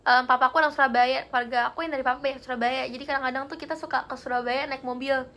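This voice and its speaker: A woman's voice: high-pitched, fairly even intonation, rapid-fire, a bit bright. A young woman hosting a live stream, chatting casually with viewers and telling spooky stories in a giggly way. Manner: chatty and giggly, reads comments aloud.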